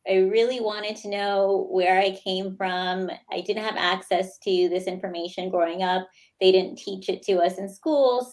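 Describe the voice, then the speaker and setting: A woman in her thirties with an American accent, speaking as a guest over a video call in a plain, steady way. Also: mid-range voice, low-quality recording. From United States. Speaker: guest, lawyer. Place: small indoor room. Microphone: video call webcam.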